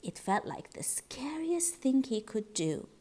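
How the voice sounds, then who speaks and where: A woman reading a rhyming children's picture book aloud in an expressive, sing-song storytelling style. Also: high voice, unhurried, husky.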